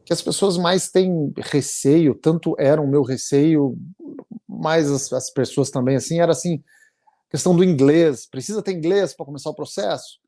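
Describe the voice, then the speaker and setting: A man in his forties with a Brazilian Portuguese accent, telling his story as an interview guest in a halting, earnest way with many restarts. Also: fairly high pitch, warm tone. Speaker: interviewee, immigration client. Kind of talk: emotional conversational storytelling.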